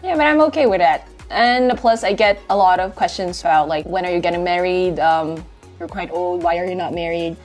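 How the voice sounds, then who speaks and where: A woman vlogger in her late twenties, speaking a little fast in a voice on the low side, chats casually over soft background music. She's indoors in a small apartment with a clip-on lapel mic, bubbly and giggly, breaking into song and repeating phrases.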